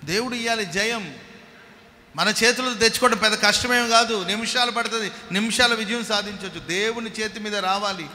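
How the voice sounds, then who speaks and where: A male pastor preaches in a large hall whose long reverb trails after every phrase. His voice sits high and cuts with a very bright, sharp edge. He keeps asking the crowd questions and rouses them to shout, then drops to quiet asides. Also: a little fast. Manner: preaching to a congregation with rhetorical questions, urging claps and hallelujahs; swings between loud exhortation and low, quiet asides. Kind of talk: sermon.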